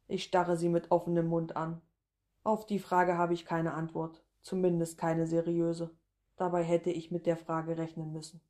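Woman, storyteller, low voice, warm and mellow, calm even reading, first-person short story.

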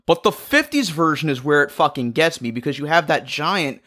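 A podcast co-host whose pitch swings widely, chatting casually with animated delivery. They swear often to stress a point. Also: normal speed. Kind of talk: casual chat.

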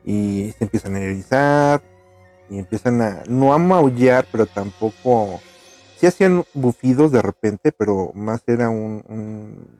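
A man tells a ghost story in easy chat. His voice is mellow and the sound is dry and close. He pauses, restarts and leans on fillers as he goes. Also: on the low side, no echo, faint music behind. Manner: hesitant, many fillers and restarts.

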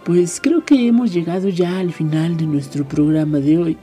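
A man hosting a radio program, reading a novel aloud in a calm, measured way. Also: a little high, soft background music. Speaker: radio host and reader.

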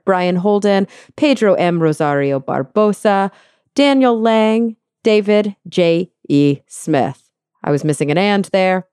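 A woman's voice: lowish voice, darkish tone, dry recording, studio quality. A woman in her thirties hosting a podcast, chatting in an upbeat way and laughing easily. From Texas. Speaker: podcast host. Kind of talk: casual interview chat.

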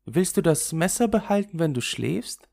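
A man voicing a gentle, frightened little girl in a fairy tale, with a timid, pleading manner. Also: a little high, big pitch swings, normal speed, vocal fry, pitched above the performer's own voice, full character voice.

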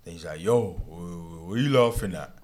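A man's voice: sits low, fairly quick, darkish tone. A young man with a London roadman accent telling a story casually in street slang and acting out who said what. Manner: slangy, acts out reported dialogue. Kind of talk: casual anecdote telling among friends.

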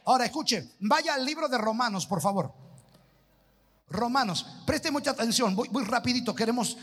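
A man's voice: extremely high pitch, lively intonation, normal speed, fairly bright tone, breathy edge. A man preaching a sermon as pastor, leading the congregation to repeat after him. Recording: long reverb of a church hall.

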